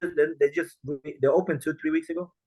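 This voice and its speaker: A man's voice: fairly high pitch, steady tone, brisk, darkish tone, slightly rough, rough recording. A man who is a guest on a podcast, talking casually, often laughing and restarting his sentences. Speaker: guest, film director.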